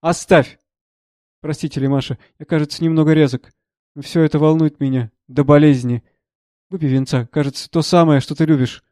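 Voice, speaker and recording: A man reading the part of a troubled, gentle elderly professor who speaks earnestly and with agitation. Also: a little high, fairly even intonation, fairly quick, no echo, clean studio sound, natural voice.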